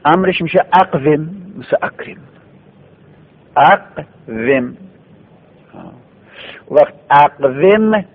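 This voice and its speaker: Gravelly guy teaching grammar, patient, goes over it again and again, tinny radio sound. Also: mid-range voice. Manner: patient, explaining step by step with repetition. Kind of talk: classroom lecture. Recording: tinny phone-like radio broadcast.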